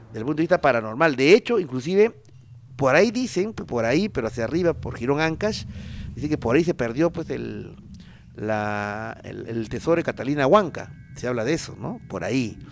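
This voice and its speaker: A man with a Peruvian accent hosting a paranormal show, telling stories in a loose, slangy, animated way with lots of fillers. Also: on the high side. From Peru. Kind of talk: casual paranormal storytelling.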